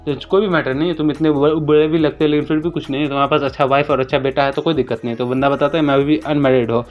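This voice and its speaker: A man retelling a comic story in a casual recap, talking rapidly and briefly raising his voice for quoted lines. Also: fairly high pitch, fairly even intonation. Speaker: manhwa recap narrator. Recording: dull lo-fi voice-over with faint music.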